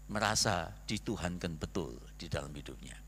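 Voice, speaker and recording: A male pastor preaching a sermon in a church, animated, with rhetorical questions and acted-out quotes. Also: deep voice, normal speed, a little hiss or hum. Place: church sanctuary. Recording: long reverb of a church hall.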